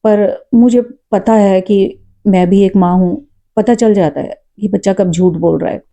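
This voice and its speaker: A woman, a mother, earnestly recounting something she witnessed in a casual, reflective way, pausing often with fillers. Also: mid-range voice, steady tone, creaky. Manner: says she talks loud and forcefully. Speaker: storyteller vlogger. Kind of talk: casual spoken storytelling.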